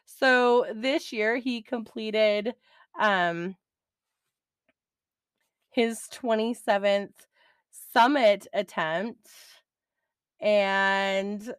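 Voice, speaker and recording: A middle-aged woman hosting a podcast, chatting excitedly and laughing easily as she recaps. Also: on the high side, very slow, pauses often, smooth, no echo, studio quality. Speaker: podcast host.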